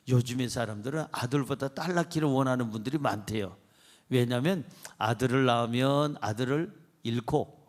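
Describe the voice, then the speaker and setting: High-voiced emphatic male pastor preaching. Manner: emphatic, leads congregation in call-and-response; acts out dialogue in storytelling. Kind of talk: sermon.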